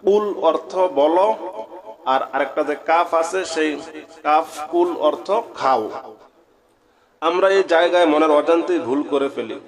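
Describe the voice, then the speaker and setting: This is a man leading a religious pronunciation lesson, with a voice pitched a little high for a man. He talks earnestly and patiently, breaking words down letter by letter before chanting them in a slow, drawn-out recitation. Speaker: Quran recitation teacher.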